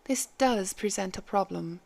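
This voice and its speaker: A woman reading the part of a calm, kindly head maid who speaks gently and formally. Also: mid-range voice, moderate pace, vocal fry. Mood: gentle.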